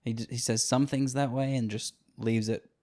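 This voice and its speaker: A man's voice: medium pitch, level tone, moderate pace, dark tone. A man co-hosting a film review podcast in casual chat, riffing on jokes and laughing easily. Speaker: podcast co-host.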